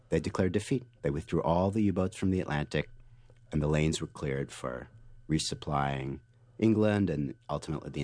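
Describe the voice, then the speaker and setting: Male guest, very deep voice, dry studio sound, animated storyteller. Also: dry recording. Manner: animated explainer, frequent restarts and fillers. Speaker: author and guest. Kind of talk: interview answers, storytelling.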